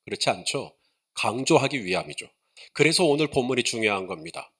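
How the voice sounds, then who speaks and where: A man's voice: medium pitch, big pitch swings, fairly quick, a bit bright. A man preaching a sermon to his congregation, chatting and asking questions, then building to emphatic points. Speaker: pastor.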